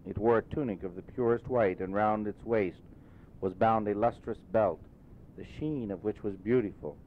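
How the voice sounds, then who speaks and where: A man reads a literary story aloud as an audiobook narrator, speaking in deliberate phrases. The audio is muffled and phone-like, with a rumbling noise underneath.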